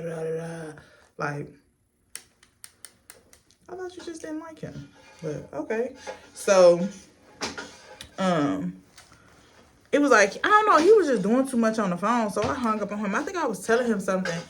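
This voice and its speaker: A woman's voice: mid-range voice, sing-song, a little hiss or hum. A woman vlogger chatting casually through a storytime as she gets ready, blunt and sassy, swearing freely in a stop-and-start delivery. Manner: unhurried stop-and-start delivery while doing a get-ready-with-me.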